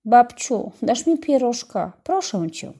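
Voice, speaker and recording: A woman's voice: on the high side, very animated, slow pace, dark tone, breathy edge, voice pushed up, heavily acted. A woman reading a storybook, voicing an eager, stubborn little boy who pleads insistently. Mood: pleading.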